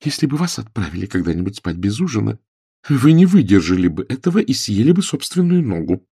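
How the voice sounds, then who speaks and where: A man voicing a haughty, sharp-tongued young woman in an audiobook, speaking in a high, mocking, snippy way. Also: big pitch swings, a little fast, slightly rough, no room sound, clean studio sound, heavily acted. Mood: indignant. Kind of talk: audiobook character voice.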